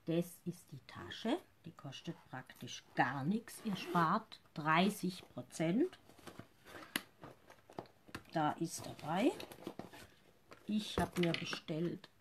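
Speaking slowly with long pauses, a woman in her fifties runs a relaxed live makeup tutorial from her living room to sell products. Her fairly low voice has lively intonation, and she's talkative yet a little nervous, often trailing into mumbles. The webcam at desk distance picks up a faint hiss or hum.

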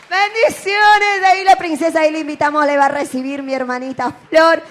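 A woman with a very high voice hosts a church testimony night. She speaks with enthusiastic, praising affection. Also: steady tone, moderate pace, a little hiss or hum. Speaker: church event host. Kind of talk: hosting testimonies.

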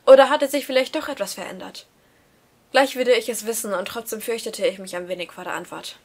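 A woman reading a first-person novel aloud, expressive and rising with excitement in the tense passages. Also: fairly high pitch, a little fast. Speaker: reader.

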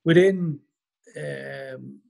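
Gravelly and darkish in tone, a medium-pitched voice draws out its words as a middle-aged Liverpool band vocalist tells rambling, "you know"-filled stories. He's a podcast guest in a casual interview, joining by laptop webcam from his living room.

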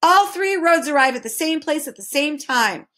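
A woman voicing a patient, steady male watchdog speaking calmly in a storybook reading. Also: high voice, moderate pace, voice pushed up. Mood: matter-of-fact.

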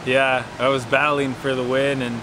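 A young man, a trail runner, answering interview questions outdoors in a relaxed, soft-spoken way. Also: medium pitch, normal speed, noisy background. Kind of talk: post-race interview. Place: outdoors in a forest by a race course.

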